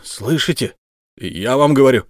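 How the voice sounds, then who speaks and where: A man's voice: medium pitch, a little slow, no room sound, studio quality, lightly acted. A man reading an audiobook, playing a stern, weary investigator who speaks firmly and commandingly. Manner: firm, commanding.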